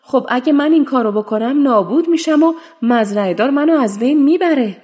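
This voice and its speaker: A woman's voice: high-pitched, animated, darkish tone, long reverb tail. A woman voicing a timid, fretful storybook scarecrow. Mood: anxious. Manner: anxious, pleading. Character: timid, worried scarecrow in a field.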